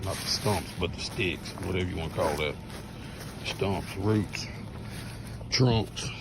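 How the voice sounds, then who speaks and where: A man with a sore, hoarse throat talks in a plain, rambling way while showing his rural land. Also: low-pitched, slow. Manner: plain-spoken, rambling, folksy. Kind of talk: casual walk-around vlog. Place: outdoors on rural property. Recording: outdoor noise behind voice.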